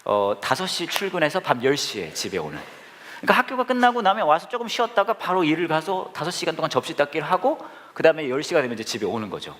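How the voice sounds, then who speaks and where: A man's voice: fairly high pitch, very animated, fast talker, fairly bright tone. A male pastor preaching a sermon to a live congregation, telling jokey, self-deprecating stories. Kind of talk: humorous storytelling sermon. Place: church service with live congregation.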